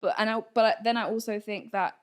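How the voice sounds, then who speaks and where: A woman's voice: medium pitch, steady tone, fairly quick, clear, resonant tone. A woman with a London accent, using urban slang in casual podcast conversation.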